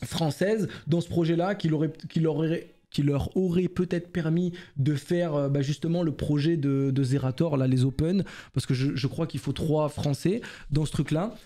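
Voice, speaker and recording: A man's voice: fairly high pitch, steady tone, moderate pace, hardly any pauses, dark tone. A man hosting a casual esports news commentary, chatty and full of fillers and restarts.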